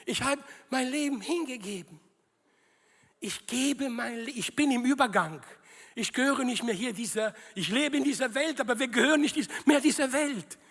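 A man preaching a sermon to a congregation. He swings between loud emphatic calls and hushed, low, prayerful passages, and asks the listeners to repeat after him. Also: normal speed. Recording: long hall reverb.

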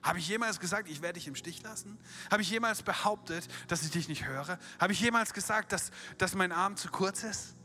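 A man preaching a sermon, retelling a Bible story with lively acted-out quotes and direct rhetorical questions to the listener. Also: sits high, fairly quick, hardly any pauses, soft background music.

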